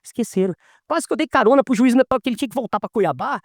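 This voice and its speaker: A man's voice: very high-pitched, rapid-fire, no room sound, clean studio sound. A man, a lawyer being interviewed, telling stories casually and acting out the dialogue as he goes. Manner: animated, acts out quoted dialogue.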